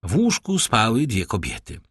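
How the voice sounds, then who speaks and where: A man narrating a classic novel as an audiobook, in an expressive, theatrical way. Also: fairly low pitch, moderate pace, husky, no echo, clean studio sound. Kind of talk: audiobook reading.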